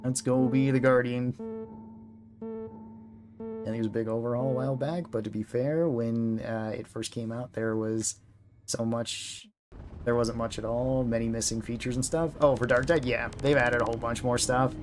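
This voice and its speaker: A man's voice: mid-range voice, normal speed, faint music behind. A man giving casual, chatty commentary while streaming a video game, laughing often. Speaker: gaming streamer.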